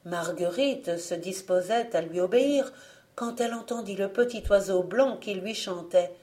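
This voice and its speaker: A woman reading a fairy tale aloud as an audiobook narrator, slow and expressive. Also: mid-range voice. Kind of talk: storybook reading.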